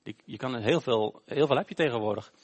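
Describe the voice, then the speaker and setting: A man preaches a sermon during a church service. He retells a Bible story plainly and informally, stopping to search for words. His voice sits at a middling pitch. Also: brisk, husky. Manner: informal, storytelling, with frequent hesitations. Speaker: pastor.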